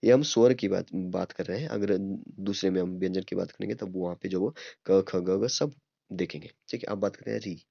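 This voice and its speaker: Low-voiced young male teacher explaining patiently. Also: moderate pace, creaky, dry recording. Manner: explains step by step, often repeats "ठीक है" and demonstrates sounds. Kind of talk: online Hindi grammar lesson. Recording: dry, slightly dull home recording.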